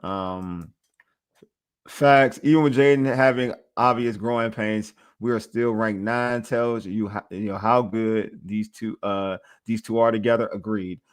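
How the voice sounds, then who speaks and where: A man hosting a casual sports podcast, talking in an animated, hyped way that swings from loud excitement to quiet asides, often repeating himself and ending lines with "man". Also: fairly low pitch, measured pace, smooth. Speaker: podcast host.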